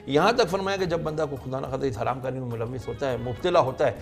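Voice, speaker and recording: A man's voice: medium pitch, soft background music. A middle-aged man, a religious scholar on a talk show, earnestly telling a long story and acting out the voices he quotes.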